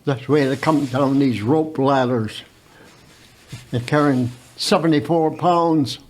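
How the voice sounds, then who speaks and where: A very old man of about a hundred telling his own story unscripted as a veteran guest, haltingly, with repeated words and stammered starts. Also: medium pitch. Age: very old, around 100.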